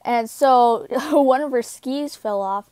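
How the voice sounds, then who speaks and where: A young woman casually telling a personal story, halting with many fillers and restarts, recorded on a close home microphone. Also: sits high, a little mellow, clear, resonant tone, dry recording.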